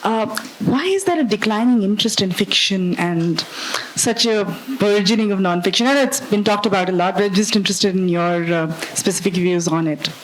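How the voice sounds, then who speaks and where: A woman's voice: medium pitch, fairly quick, background noise. A woman in the audience asking the panel an earnest question. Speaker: audience member.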